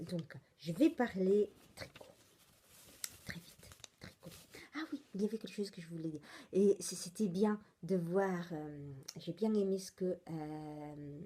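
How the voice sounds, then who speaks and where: A woman with an Italian accent chats slowly through her knitting podcast, pausing often and restarting her sentences. Her voice is low and mellow, and she speaks French as a second language. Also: slight background noise. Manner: rambling, hesitant, many fillers and restarts. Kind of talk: casual chatty podcast monologue.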